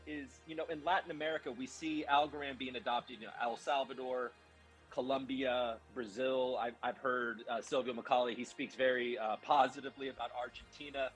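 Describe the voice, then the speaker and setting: A man's voice: mid-range voice, steady tone, brisk, fairly bright tone, soft background music, poor audio. A man moderating an online panel discussion, asking polite, hesitant questions full of fillers.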